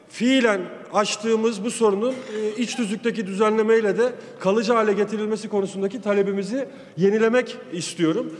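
High-voiced man speaking at a pulpit microphone. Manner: forceful, emphatic oratory with repeated lists. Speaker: member of parliament. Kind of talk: parliamentary floor speech. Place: parliament chamber, speaking from the rostrum. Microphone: rostrum microphone at a pulpit. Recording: long hall reverb of a large chamber.

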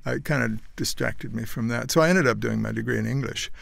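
A Dutch-born actor and painter in his sixties, raised in Canada, tells his life story as a guest in a casual interview, rambling with restarts and wry asides. His medium-pitched voice is a bit bright, a little fast, with vocal fry. A boom studio mic in a small studio with a purple curtain captures him with no room sound.

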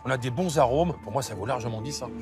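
A man judging a bakery on a TV food show, giving brisk expert appraisal of the bread inside the shop. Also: medium pitch, music in the background. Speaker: bakery judge. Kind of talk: food tasting commentary.

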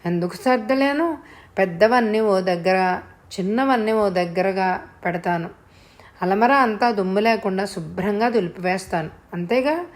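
A woman voicing a lively, teasing young village girl with a childlike, pleading way of talking. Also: mid-range voice, moderate pace, close to an everyday voice.

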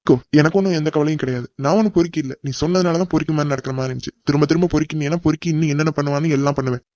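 A man's voice: on the high side, very fast, dark tone, no echo. A man with a Tamil accent voicing a cartoon hero, exasperated and pleading. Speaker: voice actor in a cartoon. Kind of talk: animated cartoon dub acting. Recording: dull dry lo-fi recording.

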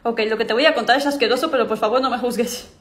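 A woman's voice: fairly high pitch, quick pace, pitched below the performer's own voice, lightly acted. A woman playing a frantic, dramatic little girl. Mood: panicky. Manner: frantic, whiny, giggly.

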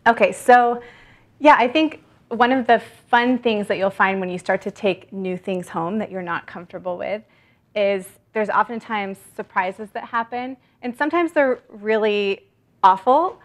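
A woman's voice: medium pitch, measured pace. A woman in her thirties, a guest author at a library event, talking chattily while showing produce. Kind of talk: casual talk at a library event. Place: library event room, indoors.

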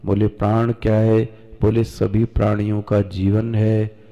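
A man's voice: fairly low pitch, flat delivery, vocal fry, mellow, dull audio. A man from India, a swami, giving a scripture discourse to listeners, asking rhetorical questions and answering them himself, and drawing out Sanskrit verses. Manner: slow, drawn-out recitation of Sanskrit; addresses listeners directly, teacherly.

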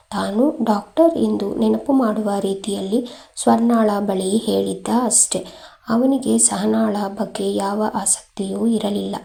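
A woman reading a family story aloud at a steady, even pace as storyteller. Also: medium pitch, vocal fry.

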